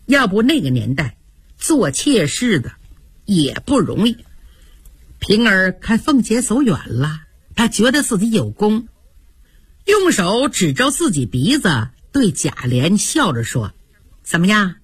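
A woman's voice: medium pitch, very animated, a little slow, husky, dry recording. A woman telling a classic story on the radio, vivid and chatty, with asides to listeners.

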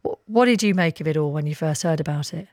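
A woman's voice: sits low, quick pace, a little mellow, no room sound, studio quality. A British woman presenting live breakfast radio news and listener discussion. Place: radio studio. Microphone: close studio microphone.

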